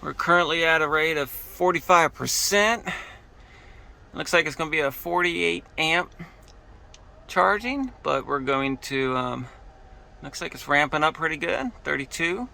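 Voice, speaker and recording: A man's voice: fairly high pitch, measured pace, creaky. Chatty man vlogging at a car charger. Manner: relaxed, chatty, explaining as he goes. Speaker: family vlogger. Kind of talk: casual vlog narration. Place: parking lot by a car charger.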